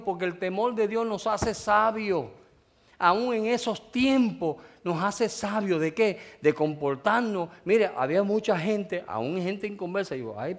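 High-voiced preacher man. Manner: emotional storytelling, calls out to the congregation. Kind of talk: sermon.

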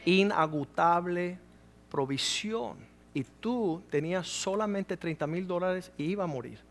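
A middle-aged male pastor delivers a sermon in a fairly high-pitched voice. He tells stories from his ministry with animation and acts out the people he quotes. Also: expressive, unhurried.

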